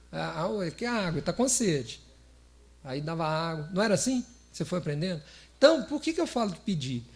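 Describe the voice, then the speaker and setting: A man from Brazil giving a chatty, playful spiritist lecture, laughing often and putting questions to his audience. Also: high-pitched. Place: lecture hall of a spiritist center.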